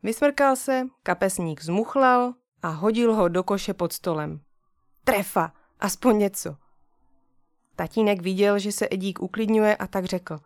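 A woman narrating a children's storybook aloud in a gentle, unhurried way. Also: mid-range voice, no echo, clean studio sound.

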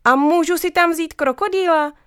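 A woman voicing an eager little girl who pleads in a high, excited voice. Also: no room sound, clean studio sound. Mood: pleading.

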